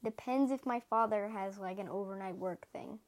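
A woman's voice: medium pitch, normal speed. A ten-year-old girl co-hosting a casual podcast, chatty and giggly, often apologizing for interrupting. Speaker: podcast co-host.

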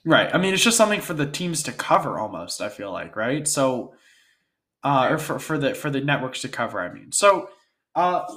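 A man's voice: high voice, pushed and bright. A man with a stuffy nose hosting a casual sports talk show, chatty and often checking for agreement. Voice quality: congested, stuffy-nosed. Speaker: podcast host.

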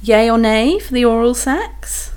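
A woman's voice: a little high, lively intonation, a little slow, darkish tone. A young woman from England hosting a casual podcast, chatty and giggly as she talks with her housemate. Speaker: podcast host. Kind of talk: casual chat.

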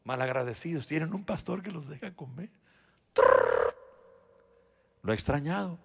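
A man preaching a sermon as pastor in a church, turning from shouted exhortation to quiet, personal words to his flock. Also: a little high, expressive, fast talker, creaky, heavy background noise. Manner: swings between shouted exhortation and quiet, intimate asides; addresses the congregation directly and personally. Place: church sanctuary.

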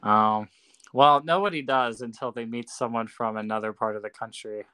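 A man's voice: medium pitch, steady tone, normal speed, pushed and bright, clear, resonant tone. A man from Minnesota, a podcast guest giving brief, dry answers. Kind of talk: casual podcast chat.

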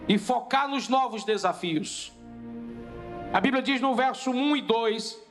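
A man preaching a sermon as pastor, in a repetitive preaching cadence that rises to shouts. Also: very high-pitched, a little slow. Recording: faint music behind the voice.

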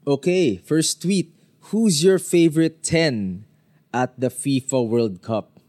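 A man's voice: mid-range voice, takes it slowly, a little mellow. A man co-hosting a casual chat, teasing and switching languages freely. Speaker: podcast co-host.

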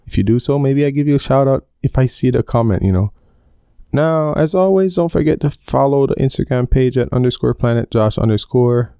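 A man in his twenties hosts a rambling solo podcast from under a blanket in his bedroom. His voice is smooth and dry, with no room sound at all. He is hot and sweating under the cover. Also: mid-range voice, dark tone, no echo. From Belize. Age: 20s. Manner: rambling, chatty, self-aware about going off topic. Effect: recorded under a blanket. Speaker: podcast host. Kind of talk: casual solo podcast chat. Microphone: home podcast mic under a blanket.

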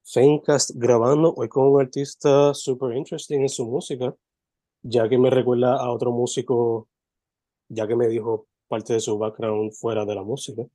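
Guy hosting a podcast, mellow dark voice, super chill, dry close mic. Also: medium pitch, moderate pace, dry recording. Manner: relaxed, loose, code-switching between languages. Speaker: podcast host. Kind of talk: casual interview, mixing Spanish and English.

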